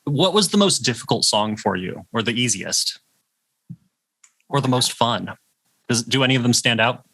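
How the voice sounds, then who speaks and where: A man hosting a relaxed interview over a call. His voice is bright and forward, and he asks his guests questions in a friendly, easygoing way. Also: mid-range voice, normal speed, creaky, husky. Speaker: host. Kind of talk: casual interview chat.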